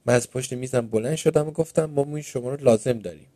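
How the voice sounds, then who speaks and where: A man's voice: medium pitch, dry recording. Man, storybook narrator, Persian accent, playful, dry close sound. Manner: lively first-person storytelling, playful. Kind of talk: storybook reading.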